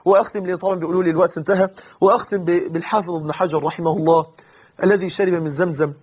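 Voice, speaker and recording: A man's voice: high voice, fairly even intonation, very fast, darkish tone, husky. A man with an Egyptian Arabic accent preaching a sermon, emotional and earnest, swearing oaths and rising into impassioned pleas.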